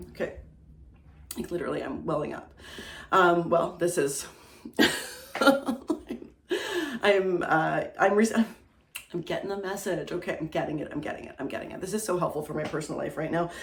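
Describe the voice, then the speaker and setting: A woman giving a casual, animated tarot reading to her viewers, talking chattily with lots of fillers and frequent "okay?" check-ins. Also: medium pitch, reverberant. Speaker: tarot reader.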